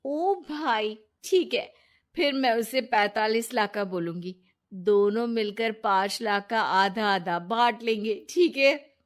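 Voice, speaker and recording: A scheming, jealous young woman from a storybook tale, put on by a woman narrator. She talks loud and slow in a high, wheedling voice. She whines to get her way.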